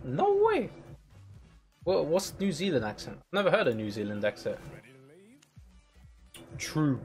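A young man with a British accent rambles loosely through a live stream, full of likes and ums. His voice sits a bit high for a man, and game music plays faintly behind him. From United Kingdom. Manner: rambling, loose, lots of fillers and "like". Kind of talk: casual live stream chat.

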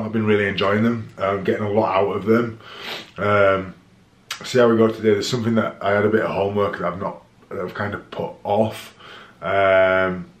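Holding the camera at arm's length, this dad and vlogger talks in a fairly low, slightly rough voice, his stuffy nose from a head cold making him a bit nasal. His chatty, casual vlog wanders along with fillers and false starts. It begins outside on a country road and then shifts to his home office.

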